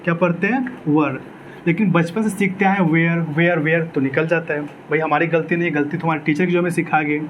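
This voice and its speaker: Man lecturing on grammar, high voice, asks and answers himself, faint hiss behind. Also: steady tone, fast, hardly any pauses, dull audio. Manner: asks and answers his own questions, repeats key words. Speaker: English grammar teacher. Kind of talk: exam-prep grammar lecture.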